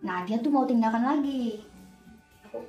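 A young woman, telling an animated storytime while doing her makeup, recorded in a roomy indoor space from a distance with faint music. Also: on the high side, moderate pace, dull audio. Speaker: nurse vlogger.

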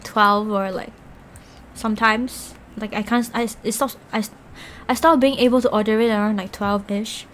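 A young woman streaming on Twitch talks casually to her audience while she eats, her voice fairly high with a faint hiss or hum. Giggly and rambling, she leans heavily on "like."

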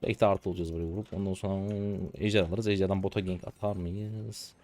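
A hoarse man in his twenties giving slangy live commentary to viewers while he plays a game. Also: deep voice, steady tone, mellow. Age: 20s. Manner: rapid slangy chatter to viewers. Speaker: gaming streamer.

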